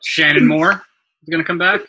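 A man's voice: fairly high pitch, fairly even intonation, brisk, sharp tone, breathy edge, low-quality recording. A man chatting and joking casually as a podcast co-host, with a lisp from a missing front tooth. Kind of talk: casual joking wrestling talk.

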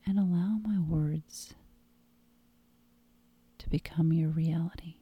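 A woman guiding a hypnosis meditation in a calm, soothing tone, soft and breathy, often close to a whisper. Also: low voice, slow, dry recording, dull audio. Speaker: hypnosis guide.

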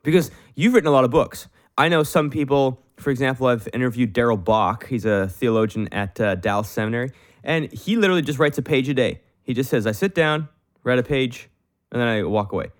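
A man's voice: medium pitch, a little fast. A man hosting a faith podcast, chatting with his guest in an earnest, rambling way. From Canada. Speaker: podcast host. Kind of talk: casual interview chat.

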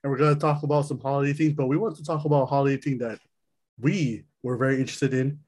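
A man's voice: medium pitch, fairly even intonation, fast talker, a little mellow, slightly rough. A man hosting a casual podcast chat with friends, rambling and breaking into laughter often. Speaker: podcast host.

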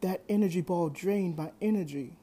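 A young amateur reader voicing an exhausted young woman who speaks softly and faintly. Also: medium pitch, normal speed, close to an everyday voice. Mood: weak. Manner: soft, faint and weary.

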